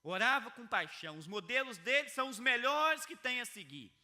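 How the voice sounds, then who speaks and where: This clip features a very animated male pastor preaching an earnest sermon on video at a normal speed. He keeps returning to key phrases for emphasis and alternates soft, low passages with loud, high-pitched ones.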